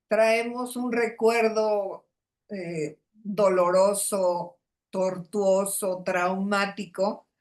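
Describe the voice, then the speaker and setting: A woman guiding a therapy session, explaining things deliberately. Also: on the high side.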